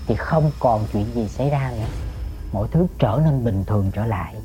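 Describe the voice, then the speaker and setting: A man telling a ghost story, dropping to hushed murmurs and jumping to sudden shouts, talking straight to his listeners. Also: on the low side, animated, moderate pace. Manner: addresses listeners directly.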